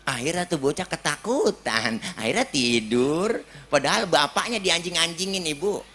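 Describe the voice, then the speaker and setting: A man preaching a comic, storytelling sermon to an outdoor crowd on a handheld mic, swinging from loud calls to hushed asides. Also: a little high, lively intonation, normal speed. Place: outdoor field gathering.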